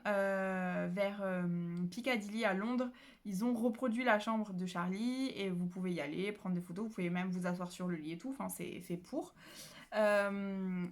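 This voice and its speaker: A woman book vlogger chatting casually into her phone at home, rambling with lots of fillers and self-corrections. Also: mid-range voice. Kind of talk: casual chat.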